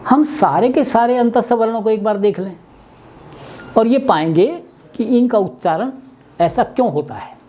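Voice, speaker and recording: In this pronunciation webinar, a man who teaches Hindi writes out letters and names them one at a time, walking through each step with deliberate care. He has a high, warm voice, and there's a little background noise.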